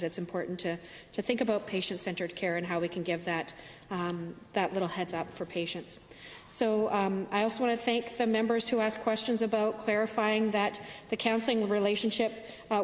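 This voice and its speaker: Woman, government minister, legislative speech, earnest, filler sounds, reverberant hall. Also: medium pitch. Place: legislative chamber. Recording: long hall reverb with faint noise.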